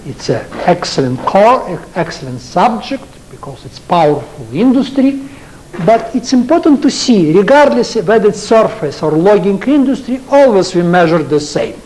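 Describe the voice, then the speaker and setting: An older man with a Russian accent giving a university lecture, speaking in halting English and asking his students rhetorical questions. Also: sits high, very animated, darkish tone, a little hiss or hum, low-quality recording. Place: lecture hall.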